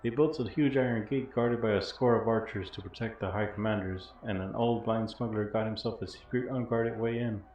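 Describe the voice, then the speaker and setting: A man's voice: fairly low pitch, fairly even intonation, fairly quick, few pauses, darkish tone, close to an everyday voice. A man voicing a poor, blind old former smuggler from a video game, wry and bitter, in a rambling storyteller's delivery. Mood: wryly amused. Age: older. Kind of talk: reading video game dialogue in character. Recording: dull, roomy audio with faint noise.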